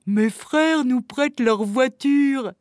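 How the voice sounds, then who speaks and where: A woman voicing a calm, cheerful, carefree female bear who talks in an unhurried, affectionate way, in a storybook reading. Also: sits high, no room sound, studio quality. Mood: easygoing.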